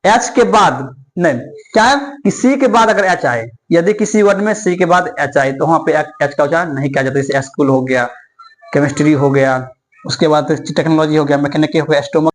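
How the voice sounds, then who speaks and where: A man's voice: fairly high pitch, fairly quick. A man teaching English in a classroom style, repeating points and answering his own questions.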